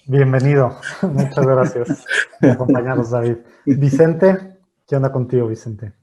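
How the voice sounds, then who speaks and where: A man, hosting a panel over a video call in a joking, lively way and often repeating his words. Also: medium pitch, unhurried. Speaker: host and moderator of a panel.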